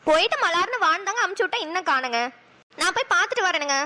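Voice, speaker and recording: Cartoon: a woman playing a shrill village mother with a Kanyakumari Tamil accent, scolding and wailing, very high and bright, close and dry. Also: expressive, rapid-fire, no room sound, heavily acted. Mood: worried. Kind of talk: cartoon voice acting.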